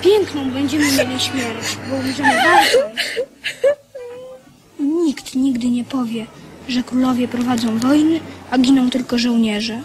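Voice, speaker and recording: A woman's voice: high voice, expressive, measured pace, rough recording. A woman playing a brave, idealistic young boy king in a radio drama, earnest, dramatic and commanding. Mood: solemn, bitter.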